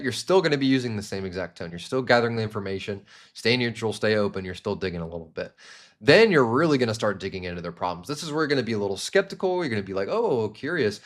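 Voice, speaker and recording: A young man in his twenties teaching sales to camera, energetic and demonstrating different tones with hand gestures. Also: mid-range voice. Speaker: sales trainer. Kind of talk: instructional talk to camera.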